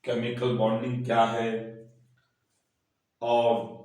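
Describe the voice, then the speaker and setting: A man teaching a recorded chemistry lecture, slightly hoarse from a cold, explaining slowly and repeating himself. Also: medium pitch, monotone, darkish tone. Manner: slow, repetitive explaining, mixing English terms. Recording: very echoey, far-off mic.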